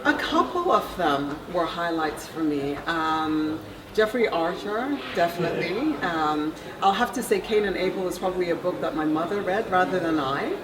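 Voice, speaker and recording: A woman attending a conference, giving thoughtful feedback in an interview with frequent pauses. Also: on the low side, expressive, background noise. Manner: thoughtful, measured, frequent ums. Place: busy conference venue. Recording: roomy, distant, loud crowd behind.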